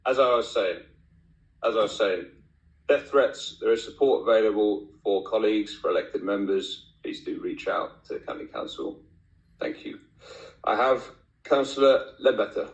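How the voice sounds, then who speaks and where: A man's voice: on the low side, moderate pace. A man chairing a formal meeting in a firm, insistent manner. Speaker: committee chair. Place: indoor council meeting room. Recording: echoey meeting room, muffled lo-fi sound.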